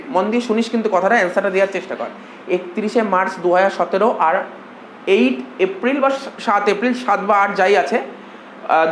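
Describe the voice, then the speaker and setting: A fast-talking man teaching an accounting class, coaxing students with repeated questions. He is recorded in an echoey classroom, with a faint hum of room noise behind him. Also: high-pitched. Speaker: accounting tutor. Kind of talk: classroom lecture.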